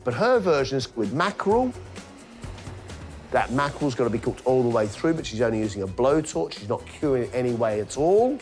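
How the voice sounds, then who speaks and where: A man with a British accent, a cooking competition judge, giving measured, emphatic voice-over commentary on the dishes. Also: medium pitch, very animated, a little mellow, faint music behind.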